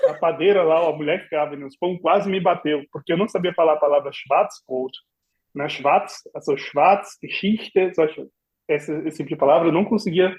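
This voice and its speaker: A high-voiced Brazilian man with a Brazilian Portuguese accent, a former au pair, guests on a podcast and tells stories casually. He's animated, acting out remembered dialogue with laughs and exclamations.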